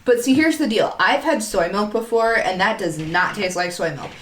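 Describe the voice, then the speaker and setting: A woman's voice: medium pitch, expressive, normal speed. Chatty young woman in an echoey room. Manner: chatty, filler-heavy. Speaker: podcast co-host. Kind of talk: casual chat. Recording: echoey room with faint noise.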